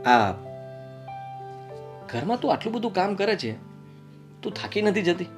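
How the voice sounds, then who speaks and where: An actor playing a calm young husband and brother who reasons with his family in a gently firm way, in a family drama. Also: high-pitched, measured pace, faint music behind.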